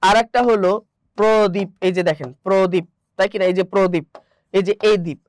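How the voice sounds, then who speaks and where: A high-pitched young man with a Bangladeshi Bengali accent, teaching an exam-prep lesson. He keeps asking rhetorical questions and answering them himself. The sound is dry and close. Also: fast talker, no echo. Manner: drills points with rhetorical questions, repeats answers.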